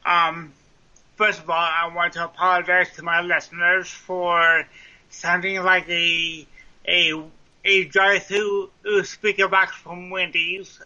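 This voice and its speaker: A man as a podcast guest telling his story in slow, halting speech with pauses and restarts. His voice comes through a muffled lo-fi line that sounds like a drive-through speaker box. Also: sits high, flat delivery, sharp tone. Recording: dull lo-fi remote audio.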